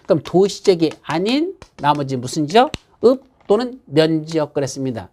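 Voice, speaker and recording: A man's voice: fairly high pitch, sing-song, normal speed, darkish tone. Korean guy teaching real estate law, voice swings up and down a lot, keeps quizzing the class then answering himself. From South Korea. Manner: asks the class questions and answers them himself; repeats key terms with emphatic insistence. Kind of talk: exam prep lecture.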